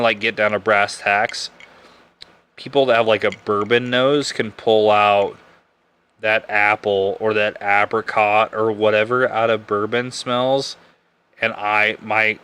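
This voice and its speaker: A young man talks casually as a podcast host, rambling and backtracking in a relaxed way. His voice sits a little low, but it has a bright, forceful edge and a smooth, crisp clarity. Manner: rambling, laid-back, self-correcting. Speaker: podcast host reviewing bourbon. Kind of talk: casual live-stream chat.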